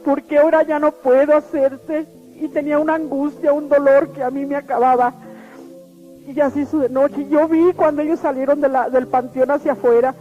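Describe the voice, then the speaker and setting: A woman gives an earnest spoken testimony in a high voice. She talks haltingly, restarting and repeating words. The recording is muffled, with soft music underneath. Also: steady tone. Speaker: witness giving a testimony.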